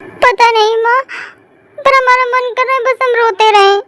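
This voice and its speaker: A woman's voice: very high-pitched, normal speed, a bit bright. Woman doing a tearful young village wife. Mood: weepy. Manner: whimpering, repeats she doesn't know. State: crying. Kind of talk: fan audio story voice acting.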